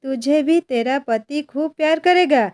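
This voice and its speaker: A woman's voice: high voice, unhurried, a little mellow. A woman voicing a breezy, easygoing young wife in a storybook reading.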